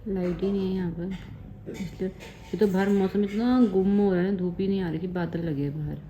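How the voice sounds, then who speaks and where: A woman's voice: mid-range voice, fairly even intonation, normal speed, mellow, slight background noise. A young woman from Uttarakhand, a new mother, chatting casually through her day at home and cooing to her baby now and then. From Uttarakhand, India. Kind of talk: casual home vlog chat. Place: family home indoors.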